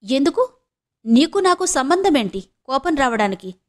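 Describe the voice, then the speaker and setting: A woman's voice: high voice, sing-song, normal speed, pitched above the performer's own voice. A woman reading the lines of a proud, bitter middle-aged woman who speaks sharply and scornfully to her ex-husband. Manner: sharp and scornful, snapping out short questions.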